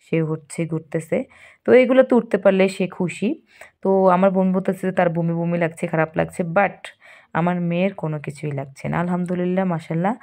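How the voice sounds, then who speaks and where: A young mother narrates her family outing over the footage, her voice hoarse from a cold and sitting low. She rambles casually and keeps circling back to the same filler word as she talks. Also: darkish tone.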